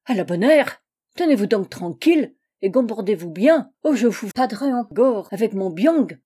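A woman's voice: medium pitch, lively intonation, normal speed, slightly rough. Woman playing the Angel of the Odd, blustering German-accented male spirit. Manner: slurred mangled consonants, loud and blustering.

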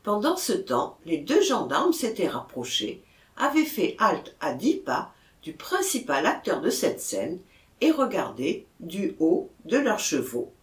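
A reader narrating a classic novel in a slow, expressive storytelling manner. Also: mid-range voice. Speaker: audiobook reader. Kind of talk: literary audiobook narration. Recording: roomy echo.

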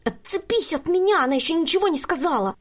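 A woman's voice: extremely high pitch, lively intonation, fast talker, voice pushed up. A woman voicing a bossy, sceptical young girl who talks in a scornful, snappish way.

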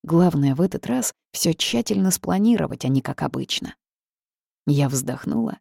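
Low, gravelly woman narrating a story. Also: moderate pace, no room sound, clean studio sound. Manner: lively storytelling, wry asides. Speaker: audiobook narrator. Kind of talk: first-person audiobook narration.

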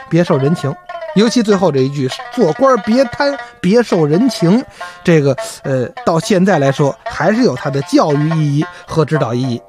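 A man with a Beijing accent hosting a radio show and telling a story in an animated, colloquial way. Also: sits high. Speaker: host and storyteller.

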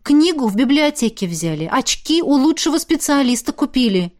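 A flustered young student witch, as a woman reader puts her on, blurting out indignant protests. Her voice is fairly high in this storybook reading. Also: sing-song, moderate pace, darkish tone.

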